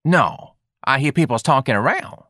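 A brash young street hustler, voiced by a male narrator scoffs and wisecracks in a much higher, whooping register. His pitch leaps around wildly on exclamations. The read is close and dry. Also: animated, normal speed, a bit bright, no room sound. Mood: mocking.

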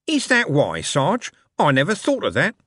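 Man putting on a jittery scruffy corporal, higher voice, hurried and eager, dry recording, storybook. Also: wildly swooping pitch, fairly bright tone, no room sound, exaggerated voice. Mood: nervous. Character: nervous scruffy male watch corporal.

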